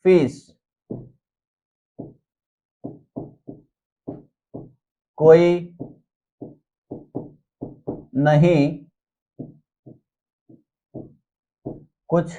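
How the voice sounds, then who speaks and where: A male chemistry teacher giving a classroom lecture. He keeps asking rhetorical questions and slows down to repeat memory tricks, speaking informally and reassuringly to his students. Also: a little high, darkish tone. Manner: repeats rhetorical questions and drills mnemonics slowly.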